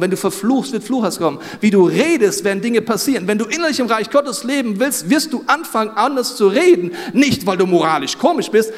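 A man with a South German accent, preaching a humorous sermon with animated storytelling and jokes. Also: high voice. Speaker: pastor. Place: large hall with audience. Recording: live hall reverb.

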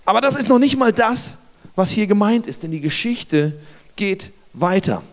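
A young man with a fairly high voice preaches a sermon. He talks to his listeners in a casual, direct way and tells the story with lively asides, acting out the characters as he goes. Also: moderate pace, big-room sound. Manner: speaks straight to the listener, conversational.

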